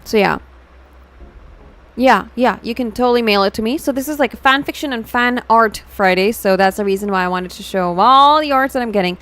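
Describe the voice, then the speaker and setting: A woman with an Indian accent hosts a casual VTuber livestream, reacting to fan art and viewers and chatting informally while slipping between English and Hindi. Her voice runs a little fast, on the high side, with a fairly bright tone.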